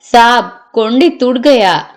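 A woman's voice: a little high, animated, slow. A woman voicing a cheerful household maid who talks casually in a sing-song way, in a storybook reading with faint music. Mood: playful.

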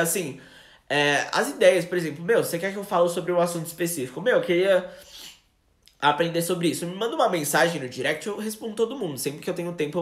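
Brazilian male English teacher, chatty live-stream voice, slightly high, roomy echo. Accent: Brazilian Portuguese. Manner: chatty, switches into slow English examples.

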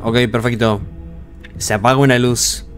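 A jumpy young man talks through a horror game. His voice sits at an ordinary middle pitch. He yelps in panic and mutters to himself over faint game music in the background. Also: steady tone, normal speed. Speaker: gameplay streamer. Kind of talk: horror gameplay commentary.

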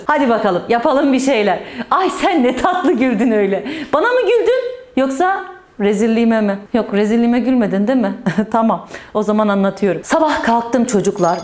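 A woman's voice: high-pitched, darkish tone, echoey room. A woman teaching children in a playful storytelling way, joking with the pupils and stressing words in a sing-song manner. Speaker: primary school teacher.

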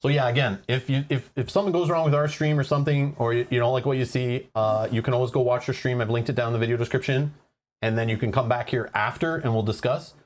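A man's voice: medium pitch, fairly even intonation, fast talker. A man hosting a livestream in a casual, conversational way. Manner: informal and conversational. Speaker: livestream host.

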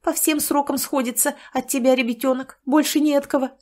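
A woman reader voicing a loud, nosy, quick-tempered village woman who talks shrilly and fast. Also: fairly even intonation, close to an everyday voice. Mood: excited. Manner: shrill and rapid.

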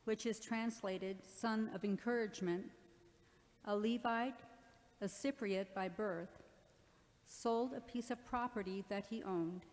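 A middle-aged woman reads scripture and psalms as a church lector, measured and deliberate. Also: mid-range voice, a little mellow. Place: large church, at the ambo. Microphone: lectern microphone. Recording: long reverb of a church.

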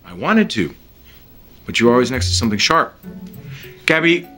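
Defensive husband, middle-pitched, lively delivery. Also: male voice, moderate pace, faint music behind. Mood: pleading. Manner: pleading, defensive. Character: defensive, exasperated husband and company president. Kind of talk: TV drama acting. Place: indoor home dining room.

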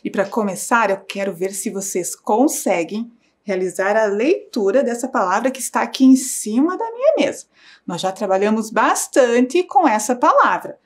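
A woman primary school teacher giving a slow, clear lesson to young children, patient and sing-song, stretching out syllables. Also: on the high side, very animated. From Brazil. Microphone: broadcast studio mic.

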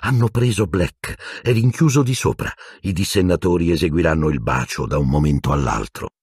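A man's voice: sits low, lively intonation, moderate pace, darkish tone, slightly rough, dry recording, studio quality, full character voice. A man doing a flustered, strict school nurse. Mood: insistent. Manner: insistent, flustered.

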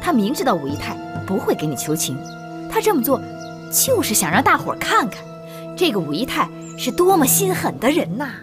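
A sarcastic concubine, high voice, swooping intonation, period TV drama, music behind. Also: female voice, wildly swooping pitch. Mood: knowing. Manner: teasing, sarcastic, quick to explain schemes. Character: sharp-tongued scheming second concubine, woman. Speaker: second concubine in household. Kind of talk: Chinese period TV drama, dubbed dialogue.

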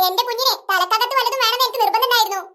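Woman doing a shrill cheeky little girl. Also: rapid-fire, pushed and bright. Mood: teasing. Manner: teasing, sassy.

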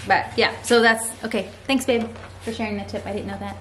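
A woman's voice: a little high, steady tone, a little fast. A woman in her thirties chatting casually as she explains how to clean old beehive frames while working in a large barn. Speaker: homesteading vlogger. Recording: loud background noise.

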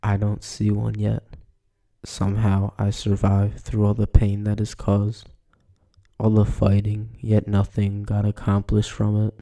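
A man playing a despairing, withdrawn young man in a halting, confessional film monologue. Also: on the low side, monotone, mellow.

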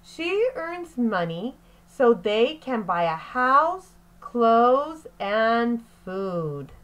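A woman teaching young children reads aloud slowly and expressively, pausing between phrases as she would with a picture book. Her voice runs a little high.

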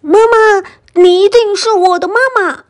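A woman voicing a group of eager little tadpoles in a storybook, calling out in a bright, squealy, childlike way. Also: high-pitched, expressive, measured pace, slight background noise, voice pushed up. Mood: excited.

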